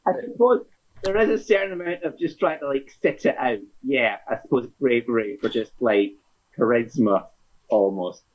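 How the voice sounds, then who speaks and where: A man narrates as game master, dryly amused and in no hurry. His voice is slightly husky. The recording is dull and lo-fi. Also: mid-range voice, normal speed. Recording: dull lo-fi sound.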